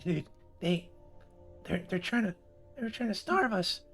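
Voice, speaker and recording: A starved little goblin prisoner hanging in chains, pitched far above a normal voice. He trips over his words and pleads without letup. It is a tabletop game voice. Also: animated, unhurried, a bit bright, husky, soft background music, exaggerated voice. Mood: pleading, desperate. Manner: stammering, desperate pleading.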